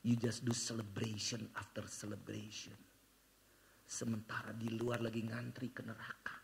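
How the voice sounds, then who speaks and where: An older man preaching a sermon as pastor, telling stories and slipping English phrases into his talk, swinging between loud bursts and hushed low passages. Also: level tone, a little slow, vocal fry, background noise. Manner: mixes in English phrases, storytelling.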